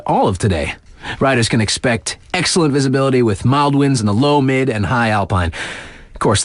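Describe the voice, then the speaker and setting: Casual mountain weather reports, full of slang and playful dramatic pauses, come from a man playing a video game's laid-back, thrill-seeking snowboard radio DJ. The mid-range voice is captured in a clean, echo-free studio.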